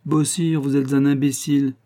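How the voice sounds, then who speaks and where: A man reading an audiobook voices a scornful, sharp-tongued young mother, mocking and quick to anger. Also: medium pitch, little pitch movement, pitched above the performer's own voice, lightly acted. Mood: angry. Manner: mocking, exasperated.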